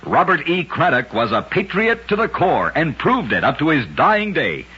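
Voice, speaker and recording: This narrator spins curious tales like an old-time radio broadcaster, deliberate, dramatic and scripted. His sing-song delivery sits fairly high, forceful with a rough, husky edge, heard through dull old radio audio.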